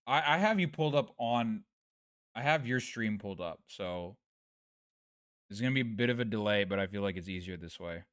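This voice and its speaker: A man's voice: on the low side, animated, moderate pace, fairly bright tone, clean tone, no echo, studio quality. A man hosting a casual late-night news livestream, talking in a self-deprecating way and trailing off. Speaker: livestream host covering news.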